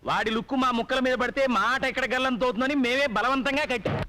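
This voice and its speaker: Brief: a bright, sharp-tongued mocking gambler, fast. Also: male voice, extremely high pitch. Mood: sarcastic. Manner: sarcastic scolding. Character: sneering indebted card player. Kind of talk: Telugu film comedy acting.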